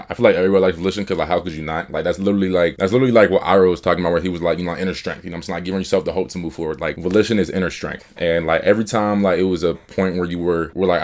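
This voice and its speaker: A young man casually reviewing a game he played, talking loosely with slang, laughter and half-finished restarts. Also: sits low. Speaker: gaming YouTuber.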